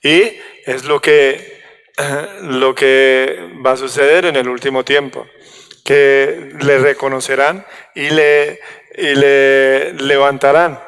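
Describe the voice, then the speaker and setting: A man preaching a sermon to a congregation, halting and restarting as he corrects himself. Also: mid-range voice, fairly even intonation, vocal fry, a bit bright, smooth. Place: church hall. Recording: long hall reverb.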